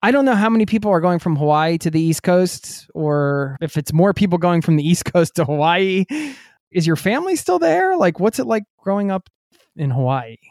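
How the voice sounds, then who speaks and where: A man hosting a podcast in a relaxed, joking manner, his voice sitting a little higher than most men's. The sound is dry and close, with no room echo. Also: moderate pace. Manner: friendly, joking, easygoing banter. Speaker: podcast host. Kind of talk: casual conversational interview.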